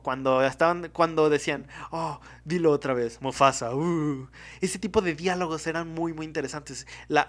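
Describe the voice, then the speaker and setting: A man's voice: fairly high pitch, fairly bright tone. A man with a Mexican Spanish accent hosting a casual solo podcast, rambling and often stopping to correct himself. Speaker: podcast host.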